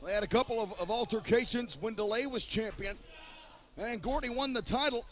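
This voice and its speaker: A man commentates live on wrestling with emphatic, dramatic phrasing. His pitch is extremely high for a male voice. The tone is sharp and forceful throughout. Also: fairly quick.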